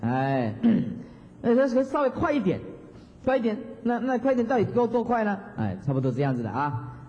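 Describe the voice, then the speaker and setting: A man's voice: high voice, sing-song, moderate pace, darkish tone. A male Buddhist monastic teacher giving a dharma talk, chanting examples and chuckling often. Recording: dull lo-fi hall recording.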